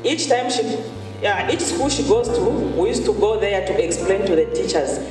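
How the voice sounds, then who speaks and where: A woman's voice: medium pitch, animated, normal speed. A woman gives an earnest church testimony, circling back to repeat her key phrases. Her voice carries through a big, long-ringing hall. She stands some way off from the mic, with music playing underneath. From Zambia. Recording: echoey hall, far from mic, music behind.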